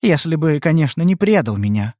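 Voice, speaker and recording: A man reading an audiobook, voicing a frightened young woman who pleads in a soft, trembling way. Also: fairly high pitch, very animated, brisk, no echo, studio quality, pitched above the performer's own voice.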